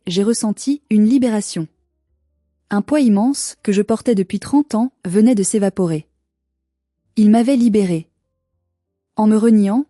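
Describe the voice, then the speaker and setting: A woman telling a dramatic first-person story in a steady, scripted narration. Her voice is very dark and mellow, and the recording is close and dry, with faint music underneath. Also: medium pitch, no room sound.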